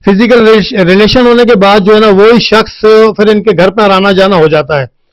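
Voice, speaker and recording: High-voiced male field reporter, dry sound. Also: no echo, dull audio. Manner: conversational, repeats filler phrases while explaining; gentle direct questioning. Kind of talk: on-location news interview. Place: on location, seated beside the interviewee.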